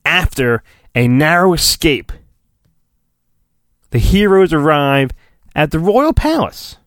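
Reading a children's storybook with mock drama on his solo podcast, this man's voice sits on the high side with big pitch swings and a fairly bright tone. The studio sound is clean with no room noise. His delivery is theatrical, full of drawn-out emphasis and offhand asides.

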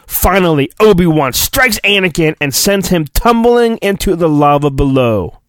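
Theatrically reading a storybook for his podcast, a man stretches out his phrasing and drifts into goofy, rambling remarks in mock-dramatic fashion. His voice sits on the high side with lively intonation, and there's no room sound.

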